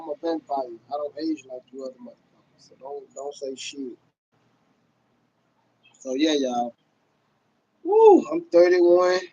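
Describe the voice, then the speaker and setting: A man, hosting a casual livestream rant. He talks loudly and profanely to his viewers, laughing often. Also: sits high, husky, highs cut off. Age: 30s. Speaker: livestream host.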